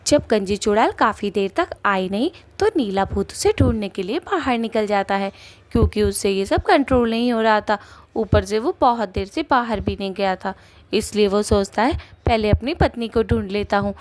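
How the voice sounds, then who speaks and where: A woman's voice: medium pitch, normal speed, no echo. A woman giving plain scripted narration for a cartoon story.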